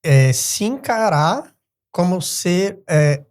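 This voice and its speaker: A woman's voice: on the low side, expressive, slow pace, a little mellow. A woman hosting a casual podcast chat, thinking aloud in a reflective way and adding short agreeing remarks.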